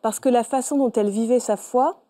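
Woman author on a talk show, thoughtful, lots of um pauses, mellow voice. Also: on the high side. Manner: thoughtful, hesitant with many fillers. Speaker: author guest. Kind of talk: studio interview.

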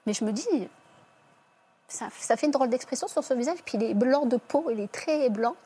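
Interviewee, female, husky higher voice; subdued, halting testimony full of restarts. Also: lively intonation, dark tone. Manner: halting, with many restarts and self-corrections. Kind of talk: personal testimony.

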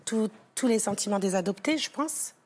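On a TV studio set, a French woman appearing as a talk show guest tells an emotional personal story during the interview, rambling with fillers and restarts. Her mid-range voice is expressive and darkish in tone, at a normal speed.

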